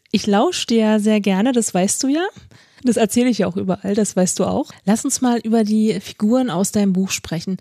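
A woman's voice: mid-range voice, warm tone, no echo, clean studio sound. A woman hosting a casual interview with an author, talking in a friendly, chatty way.

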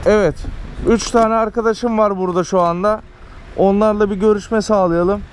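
A man's voice: high-pitched, fairly even intonation, moderate pace. A man vlogging and interviewing fellow couriers casually, recorded outdoors on an action camera. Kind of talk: casual street interview and vlog commentary. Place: outdoors on city pavements. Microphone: action camera worn by speaker. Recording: outdoor street and vehicle noise.

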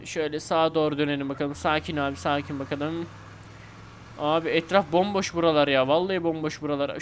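A man giving playful, excitable commentary while playing a video game, pleading and repeating himself. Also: fairly high pitch, a little hiss or hum. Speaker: gaming YouTuber.

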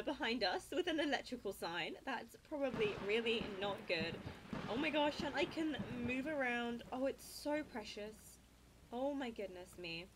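A woman's voice: high-pitched, noisy background. A woman playing a video game, gushing, gasping and exclaiming with delight as she comments. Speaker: gaming video host. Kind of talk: let's play commentary.

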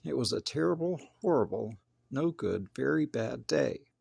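Gravelly, animated storybook narrator. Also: mid-range voice, normal speed, no echo. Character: grumpy young boy narrating his bad day. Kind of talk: expressive children's storybook read-aloud.

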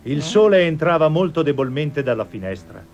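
With a slightly high, somewhat mellow, sing-song voice, a man narrates a cartoon fairy tale for kids at a moderate pace. He tells it in a scripted, theatrical way, heard over background music on a lo-fi, dull TV recording.

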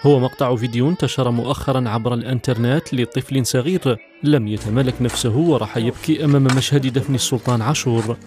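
A man's voice: medium pitch, steady tone, fast, a little mellow. A man narrating a scripted television news report as its reporter. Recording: music bed behind voice-over. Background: music.

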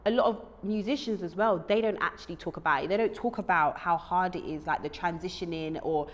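A woman, hosting a casual interview, chatty, frank and animated, in a small studio set. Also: on the low side, brisk. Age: 30s. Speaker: host. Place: small studio set with lamp and fireplace screen.

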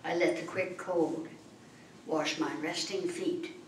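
An older woman reads free verse very slowly and with care, pausing between short phrases. Her voice sits at a middle pitch and comes from a podium mic. A camera far back catches it in an echoey room with a faint hiss. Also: steady tone. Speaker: open mic poet. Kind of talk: slow, measured poetry reading. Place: library meeting room, at a podium.

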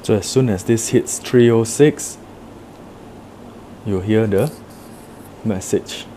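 Man, product demo, low voice, mellow tone, step-by-step explaining, office room. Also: slow pace, a little hiss or hum. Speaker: product demonstrator. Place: indoor office room with a table.

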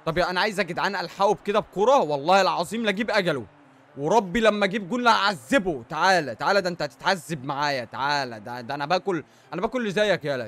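A man's voice: high-pitched, fairly bright tone. A young Egyptian man commentating his own football video game matches, joking and trash-talking the opponent. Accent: Egyptian Arabic. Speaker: gaming YouTuber. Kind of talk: excited FIFA gameplay commentary.

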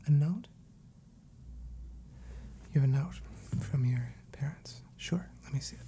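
A man's voice: mid-range voice, unhurried, warm tone, a little hiss or hum, close to an everyday voice. A man in his twenties playing a fussy, exasperated, wordy librarian scolding a child in an ASMR role-play. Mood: prim, reluctant. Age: 20s. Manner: prim, wry, wordy.

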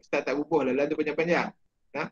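A man with a Malaysian Malay accent, a religious studies teacher giving a chatty exam-prep lecture, with many fillers and quick checks on his students. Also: fairly high pitch, fairly even intonation, muffled recording.

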